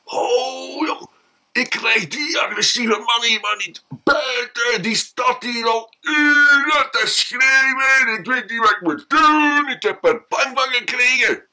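A man's voice: extremely high pitch, slow pace, sharp tone, voice pushed up, full character voice. A man voicing a frightened young male shop clerk who pleads for help. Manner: anxious, pleading.

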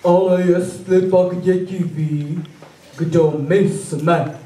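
Guy as jolly croaky water sprite puppet, mellow, roomy faraway sound. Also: high voice, fairly even intonation, natural voice. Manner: croaking chuckles between sentences. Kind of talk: children's puppet theatre. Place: puppet show in a village hall. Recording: roomy, distant camera recording with noise.

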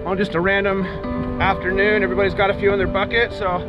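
Fishing vlogger, man in his 30s, high and easygoing, chatty on a camera outdoors with loud music under it. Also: level tone, quick pace, highs cut off. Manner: easygoing, chatty, explains as he goes. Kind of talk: casual outdoor vlog. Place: rocky ocean jetty outdoors. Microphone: action camera. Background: music under the talk.

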